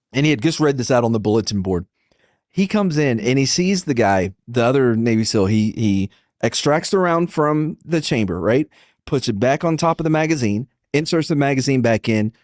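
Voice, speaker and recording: A man's voice: medium pitch, dry recording. Guy on a podcast mic telling a story, swears a lot, voice goes all over, dry sound. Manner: lively, profane, laughs often mid-story. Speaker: podcast co-host. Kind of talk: casual chat, animated storytelling.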